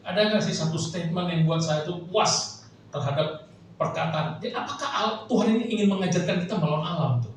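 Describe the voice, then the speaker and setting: Chatty pastor in an echoey hall. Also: male voice, high voice, fairly quick, slight background noise. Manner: chatty, jokes and acts out prayers. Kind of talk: casual sermon. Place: church hall. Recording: echoey church hall, mic far off.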